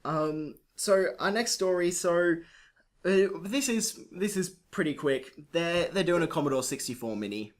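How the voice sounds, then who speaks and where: A woman's voice: on the low side, animated, measured pace. A woman co-hosting a casual gaming podcast, reading news quotes aloud and mocking them. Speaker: podcast co-host. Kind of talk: casual chat.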